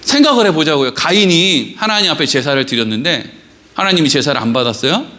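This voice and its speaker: A middle-aged male pastor giving a lively, conversational sermon in a church, full of rhetorical questions and acted-out quotes. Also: fairly high pitch, fast talker. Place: church sanctuary.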